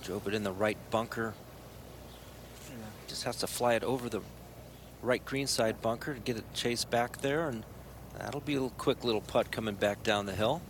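Male golf commentator over clear outdoor noise. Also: on the low side, moderate pace, long pauses. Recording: clearly noisy outdoor broadcast.

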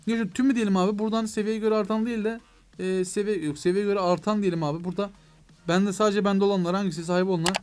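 A young man with a high voice gives quick, excitable commentary while playing a mobile game. He talks straight to his viewers and to the game itself, breaking into mock frustration when things go wrong. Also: smooth. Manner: excitable, addresses viewers as "gençler". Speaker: gaming YouTuber.

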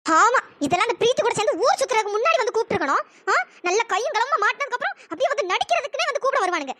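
A woman voicing a scornful cartoon wife, very high, fast, bright sharp voice. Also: sing-song, dry recording, clean studio sound, heavily acted.

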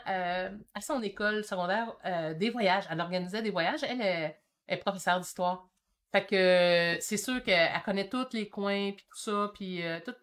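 A woman in her fifties with a Québécois French accent, chatting excitedly while reading viewer comments on her painting stream. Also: mid-range voice. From Quebec. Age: 50s. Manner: excitable and chatty, quick shifts in energy. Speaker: painting channel host. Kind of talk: casual livestream chat reading comments.

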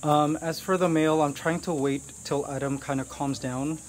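A man's voice: fairly high pitch, fairly even intonation, normal speed, a little hiss or hum. A middle-aged man from Canada in a casual vlog, chatting to viewers as he shows an outdoor animal enclosure. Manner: chatty, explaining to viewers while handling pets. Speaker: vlogger.

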